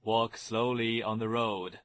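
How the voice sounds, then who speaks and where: A man voicing a proud, fussy, doting Taoist master in an anime dub, giving animated, nagging instructions. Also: on the low side, slow.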